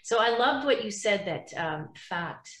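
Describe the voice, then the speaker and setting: A woman interviewing a guest, answering with warm, affirming responses. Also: mid-range voice, expressive, a little slow. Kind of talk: casual interview conversation. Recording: echoey room.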